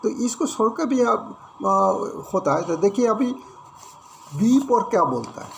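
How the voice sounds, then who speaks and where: A man with an Indian accent teaching an English grammar lesson, explaining slowly, repeating words and mixing English terms into Hindi. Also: sits high, sing-song, gravelly, background noise.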